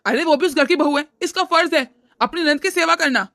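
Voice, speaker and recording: Reproachful cartoon dad, woman voicing, high bright voice, dry recording. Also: a little fast, dry recording. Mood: scolding. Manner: lecturing, reproachful. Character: stern scolding older father-in-law, man. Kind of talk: cartoon voice acting.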